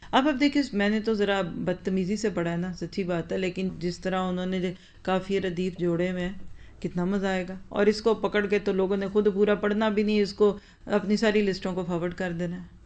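A woman teaching an Islamic lesson in a mid-range voice, neither high nor low. She talks critically and fires off rhetorical questions at her listeners. She explains patiently and repeats phrases to drive her points home. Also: steady tone, a little mellow. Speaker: religious teacher. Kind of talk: Islamic religious lecture.

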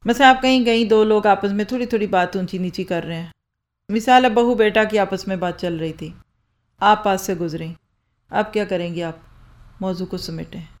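A woman's voice: mid-range voice, normal speed. A woman giving a lecture on speaking skills into a microphone in a hall with an audience. She poses rhetorical questions and answers them herself. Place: lecture hall with rows of listeners. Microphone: handheld or stand microphone.

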